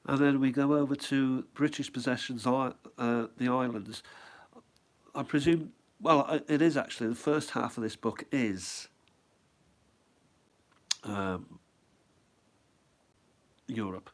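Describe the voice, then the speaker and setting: A middle-aged man with a head cold chats casually at home, showing off his stamp album. His mid-range voice moves slowly with frequent pauses, and he rambles, muses aloud, and poses questions to himself in this relaxed show-and-tell.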